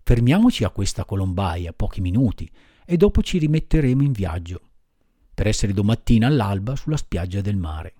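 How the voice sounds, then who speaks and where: A man voicing a big kindly male pigeon in a low, steady, gently advising storybook voice, recorded dry. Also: normal speed, no room sound. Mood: calm. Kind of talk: audiobook character voice.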